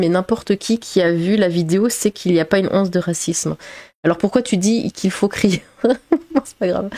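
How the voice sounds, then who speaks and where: A woman streamer giving casual commentary, filling pauses with 'euh', laughing and making sarcastic remarks as she reads out comments. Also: medium pitch, mellow, no room sound, studio quality.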